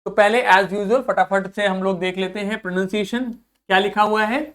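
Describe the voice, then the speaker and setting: A young man teaching a video lesson to school students in a friendly way, drilling pronunciation slowly and repeating each word several times. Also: sits high, fairly even intonation, fairly bright tone. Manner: friendly, addresses students as children.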